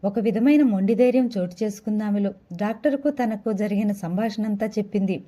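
A woman narrating an audio novel in a steady storytelling manner. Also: medium pitch, a little fast.

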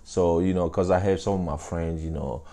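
A vlogger in his thirties from Africa, whose first language is a local African language and then French, gives earnest, encouraging advice to camera, often saying "you know." Seated on a couch in a small indoor room with a lapel mic, he talks casually in a low, dark voice with a steady tone at normal speed.

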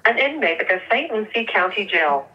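A woman's voice: medium pitch, big pitch swings, normal speed, a little hiss or hum. Automated prison phone call woman's voice. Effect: automated prison phone call prompt. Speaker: recorded jail call operator message. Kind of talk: scripted automated announcement. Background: music playing under the voice.

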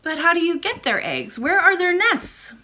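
A woman's voice: very high-pitched, sing-song, moderate pace, bright, forceful tone, slight background noise, voice pushed up, full character voice. A woman voicing an eager, polite little princess who asks question after question, at times in a whisper.

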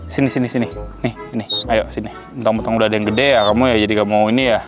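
A man chatting excitably to viewers while handling and feeding a pet, talking outdoors. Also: on the low side, rapid-fire, music in the background. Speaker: animal vlogger. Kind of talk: casual vlog chatter.

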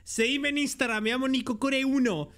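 A man with a Spain Spanish accent streaming a game, joking excitably and talking to his chat. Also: very high voice, a little fast. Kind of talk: live gameplay commentary.

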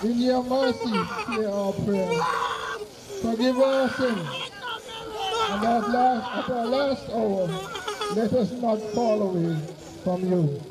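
A man officiating as clergyman, reading solemn burial prayers and scripture outdoors in measured, formal phrases. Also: very high-pitched, over a noisy crowd. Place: outdoor cemetery on open grassy ground. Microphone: far camera behind the speaker. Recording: distant mic outdoors, faint noise.

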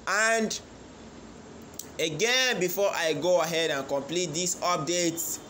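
A Nigerian-accented man speaks in a slightly high voice, hosting an informal online crypto tutorial. He pushes his points like a crypto bro, insistent and repeating himself for hype. There is light noise and room ambience behind him. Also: slow, sharp tone. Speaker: YouTube crypto channel host.

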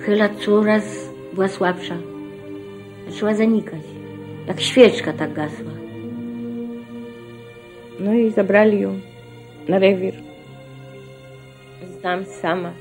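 An older woman recounting her own experiences as a witness, in a measured, reflective way that sometimes drops to a hush. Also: medium pitch, fairly even intonation, over music. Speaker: survivor giving testimony. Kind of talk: spoken personal testimony.

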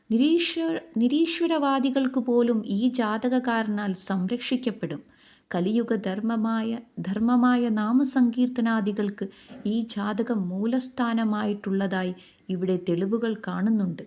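A woman's voice: fairly high pitch, slow pace, warm tone. A woman voicing a solemn old Brahmin astrologer. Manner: solemn, reverent pronouncement. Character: elderly male Brahmin astrologer, solemn and blessing. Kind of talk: devotional story narration.

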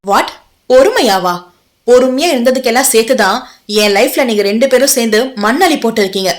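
A woman's voice: on the high side, expressive, moderate pace, a bit bright. A woman voicing a bitter, betrayed young husband who scolds harshly in an audio novel. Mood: furious.

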